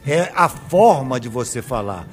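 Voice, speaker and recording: A man's voice: mid-range voice, measured pace, over music. A man with a Northeastern Brazilian accent hosting a radio call-in show, talking with listeners in an affable, reassuring way. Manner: affable, reassuring, defends himself calmly. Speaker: radio host.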